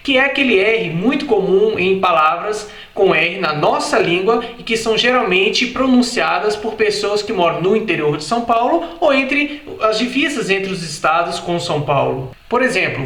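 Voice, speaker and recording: A man with a Brazilian Portuguese accent giving an explanatory video lesson, repeating example words slowly and carefully. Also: sits high, lively intonation, a bit bright, roomy sound. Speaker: English teacher.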